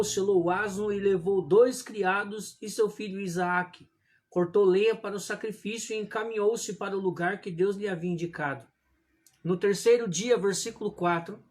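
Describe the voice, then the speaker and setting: A man preaching a livestreamed sermon indoors, reading scripture aloud in a measured way and calling his listeners brothers. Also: high voice. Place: indoor room at home, religious images behind him. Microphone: livestream camera.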